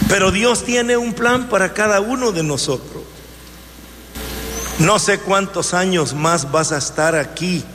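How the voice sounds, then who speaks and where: A man in his seventies preaching a sermon in a slow, emphatic way, with rising exclamations. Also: high-pitched, fairly bright tone. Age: 70s. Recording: hall reverb with faint noise.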